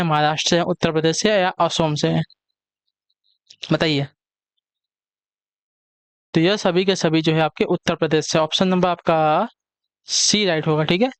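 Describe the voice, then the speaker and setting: A man's voice: on the high side, smooth, dry recording. A man teaching an online exam-prep lesson. He repeats each question and answer and keeps checking in with his students.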